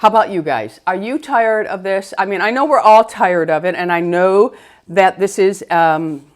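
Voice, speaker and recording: A woman's voice: mid-range voice, normal speed. A middle-aged woman beauty vlogger in a casual get-ready-with-me chat, rambling conversationally and talking straight to viewers.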